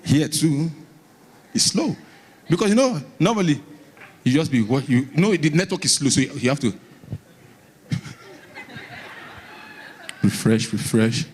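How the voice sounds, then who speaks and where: With a fairly high-pitched, husky voice, a Nigerian stand-up comedian tells stories to a crowd on a live comedy stage. He's animated, performing his bits with dramatic pauses and repeats.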